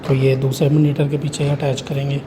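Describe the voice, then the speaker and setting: In a clearly noisy room, a man hosts a casual hands-on tutorial on installing an intercom, walking through each step and checking in often. His mid-range voice is completely flat and fairly quick.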